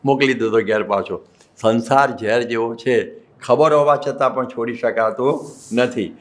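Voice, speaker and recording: Man, gujarati accent, monk preacher, storytelling sermon, sanskrit verses, medium pitch. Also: a little slow. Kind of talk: Gujarati religious discourse.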